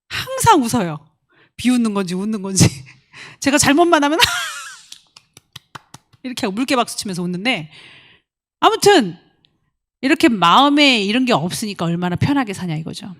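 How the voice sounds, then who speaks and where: Woman, pastor, lively sermon, fairly high voice, very wide pitch swings, acts out quoted voices. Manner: animated, acts out quoted voices, jumps from loud to soft. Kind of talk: lively sermon with acted-out examples.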